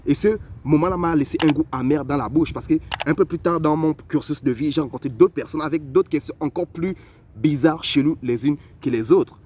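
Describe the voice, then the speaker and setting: Young man, from Africa, fast, animated storytelling, faint background hum. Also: on the high side. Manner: animated, conversational, addresses the listener directly. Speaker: vlogger. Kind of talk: personal storytelling.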